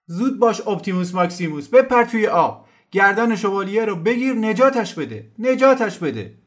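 Guy doing a young noble yelling high and frantic, storybook voice. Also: big pitch swings. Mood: urgent. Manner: frantic shouting. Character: young male nobleman shouting from a boat.

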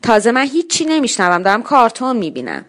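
A woman doing a sulky little girl, high and insistent. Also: sing-song, a bit bright. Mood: petulant. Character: sulky eight-year-old girl, stubborn and quick to accuse.

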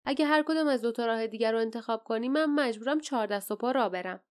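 A woman reading the lines of a gruff, burly male warrior in an audiobook. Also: a little high, close to an everyday voice. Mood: grumbling. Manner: grumbling, then loudly challenging. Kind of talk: audiobook character voice.

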